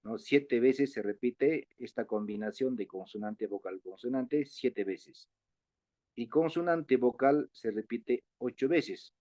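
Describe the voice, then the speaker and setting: A man teaching an online class at an unhurried, deliberate pace, with a patient manner and frequent hesitations. He sounds dry and close, with no room around him. The sound is dull and lo-fi, like a computer mic on a video call. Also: medium pitch, no echo. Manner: patient, spells out syllables slowly, many fillers.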